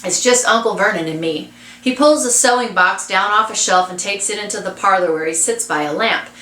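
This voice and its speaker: A woman's voice: mid-range voice, fairly quick, bright, forceful tone, slight background noise. Woman reading a storybook aloud. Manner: chatty asides to listeners. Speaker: reader. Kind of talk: reading a children's novel aloud. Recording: roomy echo.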